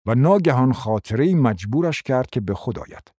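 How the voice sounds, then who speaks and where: A man narrating a radio play with an even, storytelling delivery. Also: mid-range voice, slightly rough, no room sound. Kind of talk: scripted narration.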